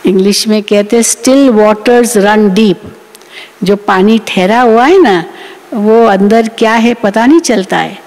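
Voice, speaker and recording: A woman's voice: mid-range voice, takes it slowly, darkish tone, in a large hall, low-quality recording. A woman giving a sermon on a spiritual discourse, telling it like a story and acting out the people she quotes. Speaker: spiritual teacher.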